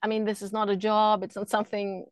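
A woman's voice: mid-range voice, flat delivery, quick pace, no room sound. A middle-aged woman from Switzerland, a podcast guest who talks earnestly and flowingly about energy healing, often repeating words as she thinks. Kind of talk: casual interview talk. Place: camper van.

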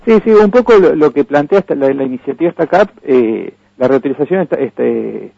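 A man's voice: a little high, lively intonation, brisk, vocal fry, warm tone, breathy edge, no room sound. A man with an Argentine accent, a campaign guest on a radio interview, who talks earnestly and keeps restarting his phrases. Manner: hesitant, many restarts and fillers, earnest. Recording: dull lo-fi dry radio recording.

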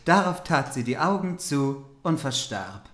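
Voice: medium pitch, sing-song, a little slow, fairly bright tone. Echoey podcast host, mock-naive reader. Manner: naive questions, mock confusion. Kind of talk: comic fairy-tale reading and chat.

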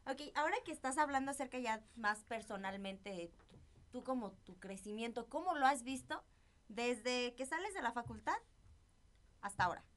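Woman hosting a chatty interview, higher voice, quick little yeses. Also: expressive, a bit bright. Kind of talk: casual interview conversation.

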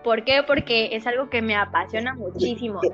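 Young Mexican woman, podcast guest; animated, expressive storyteller. Muffled lo-fi audio with a faint music bed. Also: a little high, normal speed. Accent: Mexican Spanish. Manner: animated and expressive, acts out quotes. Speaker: podcast guest, singer and dubber. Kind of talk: casual chat. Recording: dull lo-fi sound, faint music.

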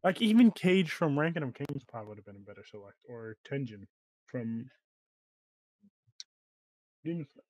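A man's voice: mid-range voice, big pitch swings, moderate pace, long pauses, darkish tone, dry recording, rough recording. A man co-hosting a podcast, chatting casually and correcting himself as he goes. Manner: rambling, self-correcting. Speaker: podcast co-host. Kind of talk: casual chat.

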